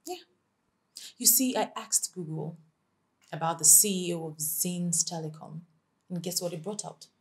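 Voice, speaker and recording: A woman's voice: lowish voice, unhurried, long pauses. A young woman with a Nigerian accent acting a guarded, feisty girlfriend in a romantic film, blunt and challenging. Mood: hurt, angry. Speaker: romantic lead actress.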